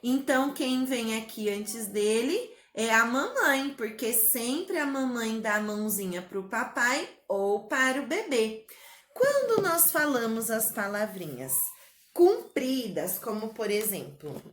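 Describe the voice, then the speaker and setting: A woman teaching a spelling lesson to young children in a slow, sing-song way, with a Brazilian Portuguese accent. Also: fairly high pitch, sing-song, fairly bright tone. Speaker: primary school teacher. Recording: echoey room.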